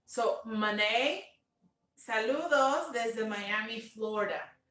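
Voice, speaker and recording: A woman pastor speaking slowly and tenderly on a livestream, sharing a testimony and greeting viewers, sometimes slipping in English words. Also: fairly high pitch, steady tone, reverberant, far from the mic. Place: home room, dim. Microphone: phone on a live stream.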